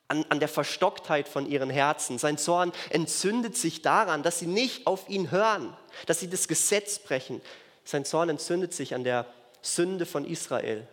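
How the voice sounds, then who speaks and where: A man preaching a sermon in an earnest way, repeating key phrases for emphasis. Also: medium pitch. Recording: long reverb of a large hall.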